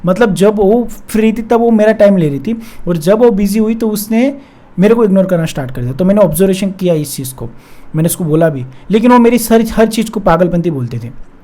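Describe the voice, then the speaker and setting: A man's voice: high-pitched, lively intonation, fairly quick, mellow. A young man telling a painful personal story to camera in an emotional, confessional way, often repeating himself. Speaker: relationship coach.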